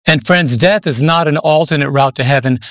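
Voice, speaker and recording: A man on a Bible study panel teaches from scripture with plain emphasis. His voice sits a little high. The sound is close and dry. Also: a little fast, fairly bright tone, no room sound.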